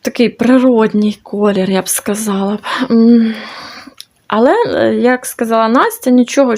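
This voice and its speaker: A woman's voice: on the high side, gravelly, a little mellow. A woman hosting a knitting channel, casually chatting and thinking aloud with many fillers as she shows her crochet work. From Ukraine. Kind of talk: casual crafting video report.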